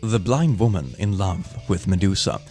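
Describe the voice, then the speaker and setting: A man's voice: sits low, expressive, moderate pace, mellow, soft background music. A man hosting a video where he reads comics aloud and reacts to them, bubbly and playful. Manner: bubbly, playful, breaks into laughter. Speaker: host.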